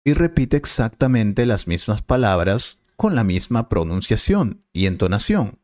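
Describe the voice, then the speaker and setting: A man as a Spanish teacher, explaining clearly and patiently in a scripted lesson dialogue. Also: lowish voice, sing-song, measured pace, darkish tone, no room sound, studio quality.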